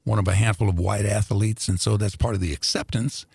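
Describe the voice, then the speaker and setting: An older man who was born in Greece and grew up in Indianapolis tells stories as a radio guest in a relaxed, drawling way, with many fillers and frequent laughter. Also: on the low side, brisk, creaky, breathy edge, no room sound, clean studio sound. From born in Greece, raised in Indianapolis. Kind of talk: casual interview storytelling.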